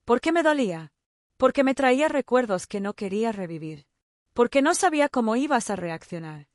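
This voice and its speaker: A woman reading a guilty, hushed mother. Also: lively intonation, moderate pace, dry recording, clean studio sound, close to an everyday voice. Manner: low, hushed. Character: guilty middle-aged mother, quiet and ashamed.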